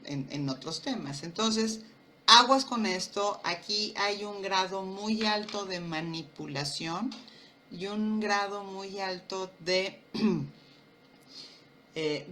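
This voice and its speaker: A woman, talking to camera about family roles and acting out dialogue in a lively storytelling way. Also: mid-range voice, takes it slowly, slight background noise. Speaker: nutrition and empowerment speaker. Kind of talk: personal talk to camera.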